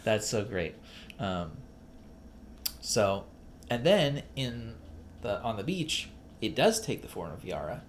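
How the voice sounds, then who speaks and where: A man's voice: fairly low pitch, very animated, takes it slowly, a little hiss or hum. A man co-hosting a casual podcast about a film, rambling with many fillers and restarts. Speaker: podcast co-host.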